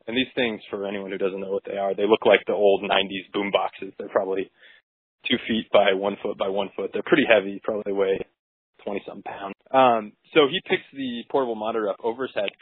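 A man, a physician, casually recounting a case on a podcast with relaxed, wry and crude asides. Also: on the low side, a little fast, breathy edge, no echo. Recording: tinny dry phone-like recording.

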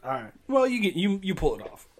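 Relaxed male game master, casual narrator who swears and laughs easily. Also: sits high, a little fast.

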